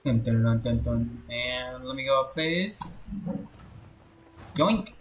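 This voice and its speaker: Streaming a game, this man keeps up a loose, playful running commentary, muttering quick exclamations to himself and his chat. His medium-pitched voice is animated but slow, with a bit of background noise. Game music sits behind a roomy echo.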